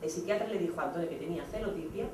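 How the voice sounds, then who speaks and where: A woman in her thirties with an accent from Spain, giving a blunt, animated theatrical monologue to students. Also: fairly low pitch, racing, noisy background. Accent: Spain Spanish. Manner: animated, blunt, acts out scenes. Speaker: speaker addressing students. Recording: echoey hall from far off.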